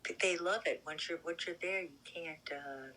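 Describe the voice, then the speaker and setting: Chatting on a phone call at normal speed, a New York–area caller in their seventies rambles in an amused, casual way with a slight local accent. Their medium-pitched voice sounds pushed and bright, over a bit of hiss or hum.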